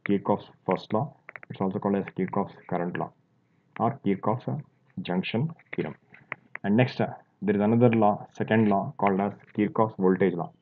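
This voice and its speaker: A man's voice: on the low side, a little hiss or hum. A man teaching a physics lesson, explaining step by step as he draws, with fillers and restarts. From India. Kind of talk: classroom lecture while drawing. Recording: tinny phone-like audio.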